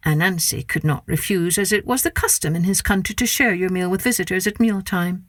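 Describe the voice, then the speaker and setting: A woman hosting a storytelling podcast, narrating a scripted folktale for children in an animated style. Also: on the low side, fairly quick, dry recording, studio quality. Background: faint music.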